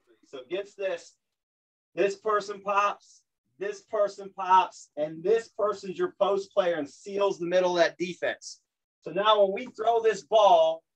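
New York man, coach explaining plays over a video call, slightly high voice, animated and self-mocking. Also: rough recording. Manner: animated, repeats words, self-deprecating jokes. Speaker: basketball coach.

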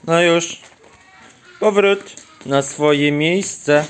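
A man's voice: on the high side, very slow, slight background noise. A man filming his farmyard outdoors while feeding the animals, chatting casually and scolding and coaxing them. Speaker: farm vlogger.

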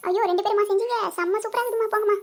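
A woman's voice: very high-pitched, steady tone, rapid-fire, a bit bright. A woman voicing a harried mother in a cartoon, with speech, scolding and chatty. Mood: delighted. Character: harried village mother, scolding but caring. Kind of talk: cartoon voice acting.

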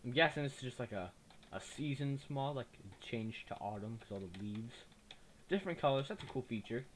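A young man with a slight lisp, a gaming YouTuber, rambles casually through a let's play at a moderate pace, sounding expressive. He's chatty and easily distracted, and his cheap desktop mic gives low-quality audio with faint noise.

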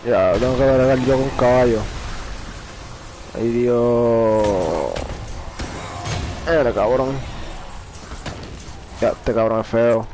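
A man giving crude, excitable commentary while playing a video game, swearing constantly. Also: medium pitch, slow pace, long pauses, noisy background. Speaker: gamer. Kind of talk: casual gameplay commentary.

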